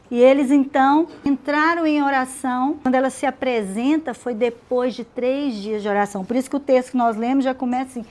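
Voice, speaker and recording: A woman leads a women's Bible study, retelling scripture as an animated story. Her voice sits high and she slips into characters' lines. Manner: animated storytelling with acted dialogue.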